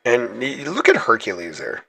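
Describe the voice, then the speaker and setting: A man's voice: mid-range voice, huge pitch swings, moderate pace, vocal fry, pushed and bright, breathy edge. A man hosting his gaming channel, chatting casually through gameplay, rambling and correcting himself as he goes. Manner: chatty, rambling, self-correcting, laughs easily.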